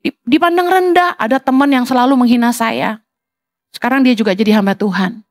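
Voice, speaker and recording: A middle-aged woman pastor preaching a sermon, animated, acting out whiny petty prayers to mock them. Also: fairly high pitch, a little fast, no echo.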